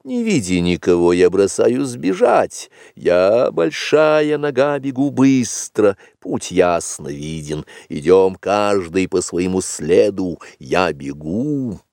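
Storybook panther, wise and unhurried, read by a man, low measured tone, dry sound. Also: gravelly, no room sound, heavily acted. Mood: calm. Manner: calm, measured, low and slow. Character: Bagheera, calm wise female panther.

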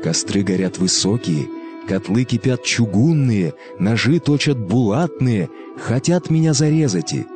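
A man's voice: medium pitch, expressive, a little slow, darkish tone, faint music behind. A man voicing a pleading little fairy-tale boy who becomes a baby goat, calling out in a plaintive singsong. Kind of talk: fairy-tale character acting.

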